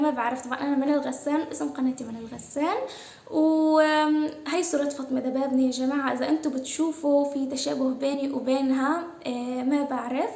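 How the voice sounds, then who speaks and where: A woman's voice: high-pitched, a little mellow, echoey room. A young woman from Gaza with a Palestinian accent, chatting casually as she answers her followers' questions, with many hesitant fillers. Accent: Palestinian Arabic. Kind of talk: casual Q&A vlog.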